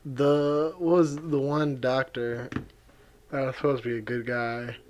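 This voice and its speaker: A man's voice: medium pitch, level tone, a little slow, darkish tone. A man co-hosting a podcast in casual chat, laughing often and protesting playfully. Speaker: podcast co-host.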